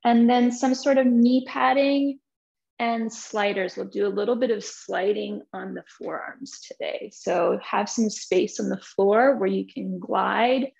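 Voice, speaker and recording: Gravelly-voiced woman fitness instructor. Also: medium pitch, unhurried, muffled recording. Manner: relaxed, chatty, loose with fillers. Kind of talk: live online class intro. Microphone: video call.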